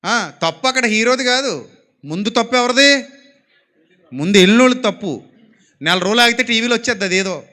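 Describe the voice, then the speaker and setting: High-voiced preacher urging his listeners. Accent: Telugu. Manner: exhorting, asks the congregation to repeat lines aloud; rhetorical questions, swings between soft and loud. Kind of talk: sermon.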